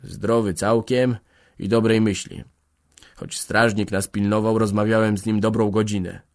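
A man reading aloud who voices a weary old man, speaking gently, soothingly and a little evasively. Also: on the low side, little pitch movement, normal speed, lightly acted. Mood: reassuring.

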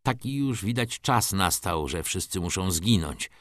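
A man's voice: low-pitched, animated, a little slow, no room sound, studio quality. A man voicing a poor, humble old carter who speaks deferentially and wearily in a storybook reading. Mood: resigned. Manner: humble, pleading, respectful address.

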